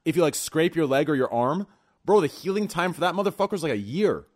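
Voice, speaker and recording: A man's voice: a little high, expressive, quick pace. A man of thirty hosting a casual voice-call chat, teasing his friends and swearing casually. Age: 30s. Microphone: online voice call.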